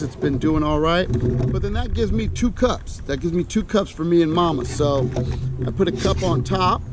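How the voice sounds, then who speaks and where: A middle-aged American man, host of an outdoor cooking channel, chats casually in a folksy, colloquial way, thinking aloud while he demonstrates camp cooking outdoors. The recording carries a loud ambient rumble.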